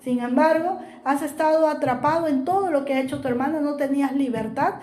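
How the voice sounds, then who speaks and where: A woman's voice: sits high, fairly quick, dark tone, lightly acted. A woman doing a tender old grandmother. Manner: tender, coaxing. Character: loving old grandmother, gentle and wise. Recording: roomy echo.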